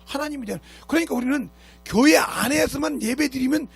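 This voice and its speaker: A man's voice: extremely high pitch, brisk, gravelly, soft background music. A man preaching a sermon as pastor, emphatic and scolding, who keeps asking his congregation rhetorical questions. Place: church sanctuary.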